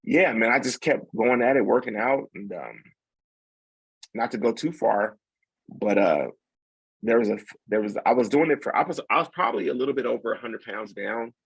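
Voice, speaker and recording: A young man, a podcast guest, telling a story in a relaxed, rambling way with plenty of fillers and restarts. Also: mid-range voice, moderate pace, gravelly, breathy edge, no echo, poor audio. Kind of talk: casual storytelling.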